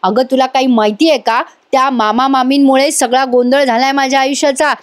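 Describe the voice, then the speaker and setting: A woman voicing an angry, defiant young woman who speaks in sharp, scolding lines. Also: high voice, fairly even intonation, a little fast, no room sound, close to an everyday voice.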